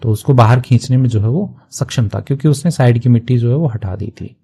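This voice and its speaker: A man teaching English through a story, reading each English phrase slowly and then explaining it quickly in Hindi. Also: mid-range voice, mellow, slightly rough. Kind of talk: line-by-line story translation lesson.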